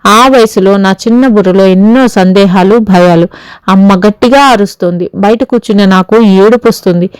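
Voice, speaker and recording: In this audio storybook, a haunted young husband speaks in an earnest, confessional way, as a woman reads him. The voice stays smooth and clear, set close and dry, with no room around it. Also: mid-range voice, moderate pace, no echo, close to an everyday voice, rough recording.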